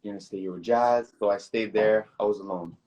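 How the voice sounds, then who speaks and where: A man's voice: on the low side, fairly even intonation, fairly quick, a little mellow, rough recording. A young man from Toronto, a guest recording artist, chatting in an easygoing, rambling way and calling the host bro and man. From Toronto, Canada. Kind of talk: casual interview chat.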